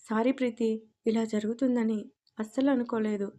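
A woman's voice: a little high, fairly even intonation, moderate pace, warm tone, lightly acted. A woman voicing an earnest young woman who pleads her case in a storybook reading. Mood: apologetic.

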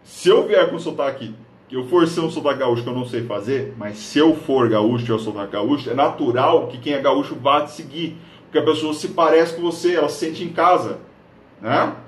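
A man's voice: medium pitch, fairly quick, slight background noise. A man from northern Paraná, Brazil, hosting a live stream and coaching viewers on social media in an upbeat, direct way, talking straight to the camera. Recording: echoey room.

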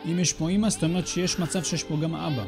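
A man narrating a let's play in a casual, sarcastic way, mocking what the character does. His voice sits a little high. Faint game music plays beneath him. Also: fairly even intonation. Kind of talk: casual gameplay commentary.

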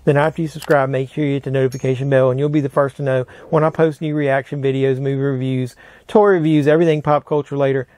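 A man's voice: medium pitch, a little mellow, no echo. A middle-aged man reacting to a movie on camera in a casual, rambling way, full of fillers and frank opinions, seated in a room packed with posters. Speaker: pop culture YouTuber.

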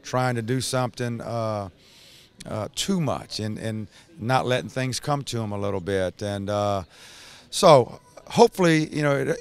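A man in his sixties, a basketball head coach, giving a halting post-game interview full of restarts and fillers into a handheld mic in an empty indoor arena. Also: mid-range voice, smooth. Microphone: handheld reporter mic.

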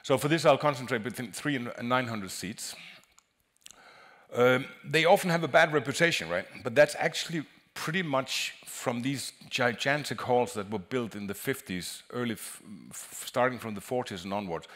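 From the stage of a large conference hall, an acoustic designer delivers his presentation in a mid-range, fairly bright voice. He speaks haltingly, going back over words as he explains.

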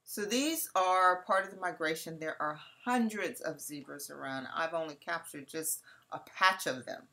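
A woman's voice: sits low, normal speed, creaky, few pauses, noisy background. A woman from California narrating a safari slideshow presentation, talking chattily and straight to her audience. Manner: chatty, addressing the audience directly.

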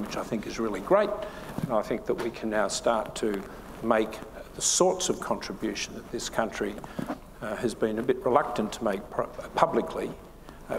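An older man speaking earnestly on a conference panel. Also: fairly low pitch. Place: stage of a conference hall. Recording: hall reverb with faint noise.

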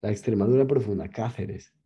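A young man from Spain with a Spain Spanish accent tells stories in an easygoing podcast chat. His voice is deeply mellow and a little husky. It comes through a dull, muffled lo-fi recording. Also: brisk. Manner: storytelling, easygoing. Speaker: podcast co-host. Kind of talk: casual chat.

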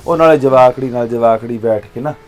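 A man, acting as an uncle in a short film, gently consoling and reassuring his niece. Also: mid-range voice, a little fast. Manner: warm, fatherly consoling. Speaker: uncle by marriage.

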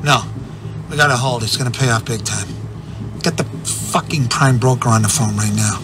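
An actor playing a forceful, profane hedge fund boss in a TV drama. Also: male voice, mid-range voice, measured pace, background noise, lightly acted. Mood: determined. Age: middle-aged. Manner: blunt, commanding, profane.

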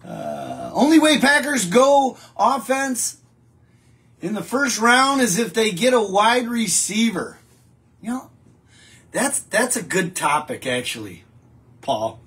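A middle-aged man hosts a casual stream, rambling chattily through viewer comments and frequently starting over. He talks slowly with frequent pauses, in a high, fairly bright voice with big pitch swings, from a home studio with a wallpaper backdrop.

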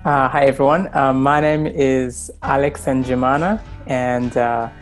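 A man's voice: mid-range voice, fairly even intonation, measured pace, soft background music. A young man from Rwanda sharing his faith story over a video call, earnest and full of fillers and restarts, speaking into a wired earbud mic in a small room. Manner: earnest, many fillers and restarts, gestures while talking. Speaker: church member sharing testimony. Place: small indoor room with plain wall.

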